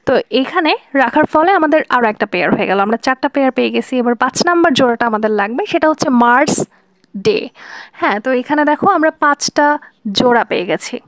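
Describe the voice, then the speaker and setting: High-voiced woman teaching a lesson. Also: expressive, dry recording. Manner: patient, repeating and spelling out examples slowly. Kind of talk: explaining a lesson.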